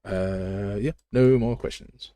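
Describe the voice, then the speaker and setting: With a very deep voice and a Midlands accent from England, a man casually and bluntly talks himself through a live game development tutorial. He goes slowly in a warm tone, captured in clean studio sound with no room sound.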